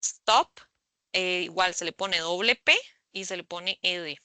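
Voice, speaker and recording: A woman tutoring English over a video call, explaining slowly and patiently, often checking in with the students. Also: on the low side, bright, forceful tone, no room sound. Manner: slow, patient explaining with frequent "¿verdad?". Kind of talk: online tutoring session. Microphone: computer mic on a video call.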